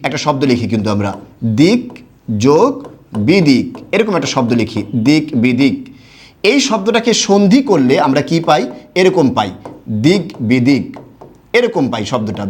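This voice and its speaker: A young man from Bangladesh giving an online grammar lesson, explaining step by step and asking and answering his own questions. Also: high voice. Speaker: Bengali grammar teacher.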